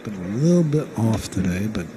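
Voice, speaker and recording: A man's voice: lowish voice, brisk. A man giving conversational analysis as co-commentator on a live golf broadcast. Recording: steady outdoor background noise.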